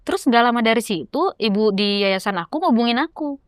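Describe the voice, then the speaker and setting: A young woman tells her story at a rapid clip, her slightly high voice crisp and clean. She animates the tale by slipping into the voices of the people in it. The sound is dry and close, with no room around it. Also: no room sound. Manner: lively, acts out quoted dialogue. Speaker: podcast guest. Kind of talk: casual storytelling chat.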